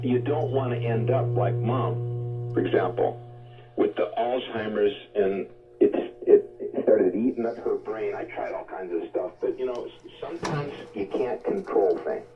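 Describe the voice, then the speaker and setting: Heard over phone-like shortwave radio and distant from the mic, a man promoting health supplements gives an unscripted, rambling, emphatic health talk that exhorts listeners. His voice is fairly low and his pace measured.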